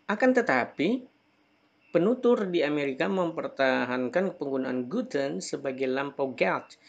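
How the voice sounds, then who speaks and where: Gravelly male lecturer. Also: on the high side, animated, unhurried, dull audio. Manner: mixes in English example words, stressing them loudly. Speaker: English lecturer. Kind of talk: slide lecture.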